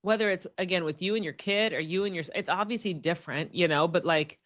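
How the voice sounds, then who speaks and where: A young adult woman chatting casually on a podcast, lively and expressive, often acting out what she says to others and restarting her sentences. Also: on the low side, fast. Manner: animated, acts out quoted speech, frequent restarts. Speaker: podcast guest.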